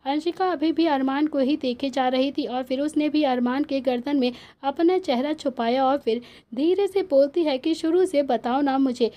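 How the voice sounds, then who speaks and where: A woman's voice: high voice, moderate pace, hardly any pauses, mellow. A woman narrating an emotional family romance story, giving the characters' dialogue with feeling.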